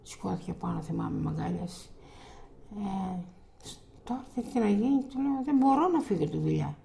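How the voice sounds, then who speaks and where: Older woman interviewee, gravelly dark voice, rambling oral-history storyteller. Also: mid-range voice, lively intonation, slight background noise. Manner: rambling, halting storytelling with restarts and quoted dialogue.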